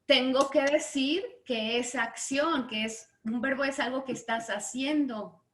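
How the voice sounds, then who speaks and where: A woman with a Mexican accent teaches a class from home, her voice sitting fairly high. She keeps checking in with her listeners through quick little questions. The room around her rings with echo. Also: a little hiss or hum. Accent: Mexican Spanish. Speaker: literature teacher. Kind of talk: online class lecture. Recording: echoey room.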